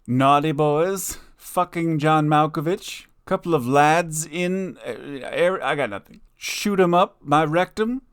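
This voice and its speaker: A man casually commentating a game he plays, joking and trading in slow, deliberate punchlines. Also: a little high, smooth, no echo, clean studio sound. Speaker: gaming video host. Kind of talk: casual let's-play commentary.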